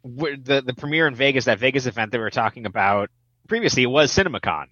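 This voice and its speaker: A man's voice: mid-range voice, animated, quick pace, pushed and bright, no room sound. A man co-hosting a podcast, chatting casually about a movie with wry joking asides. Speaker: podcast co-host. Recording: slightly dull lo-fi mic.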